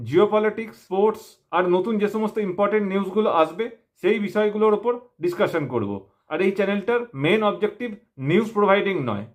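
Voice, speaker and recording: A man with a West Bengal Bengali accent introducing himself to viewers as a channel host, speaking through a face mask. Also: sits high. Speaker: YouTube opinion channel host. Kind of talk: self-introduction talk to viewers.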